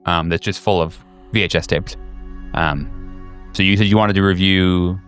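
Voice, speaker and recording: A man improvising tabletop game narration as game master, halting as he searches for words. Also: low-pitched, fairly even intonation. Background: soft music.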